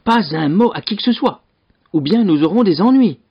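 A man voicing a clever, sly young peasant brother who talks in a quick, scolding way. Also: sits high, expressive, breathy edge, voice pushed up, exaggerated voice. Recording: dull lo-fi recording.

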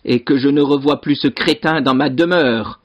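A man voicing an angry, bullying rich lord who shouts and domineers. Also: medium pitch, moderate pace, pitched above the performer's own voice, natural voice. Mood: furious. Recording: dull lo-fi recording.

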